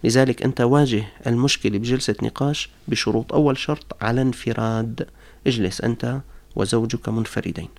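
A male preacher speaks fast, moving from a story into numbered advice for married couples. His voice has a steady gravelly rasp, and he lays out each rule one at a time. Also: medium pitch. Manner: narrates a story then lays out rules point by point.

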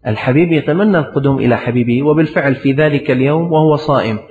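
A man's voice: mid-range voice, rapid-fire. A man preaching a sermon, telling stories and piling up repeated emphatic phrases. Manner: storytelling, repetitive emphatic phrasing. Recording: hall reverb, dull lo-fi sound.

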